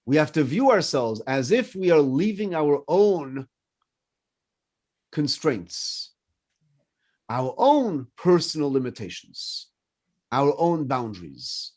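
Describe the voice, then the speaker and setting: A rabbi in his fifties, French his mother tongue, delivers a morning class slowly, with long pauses. His somewhat high voice moves up and down as he animatedly tells personal stories and keeps questioning his listeners.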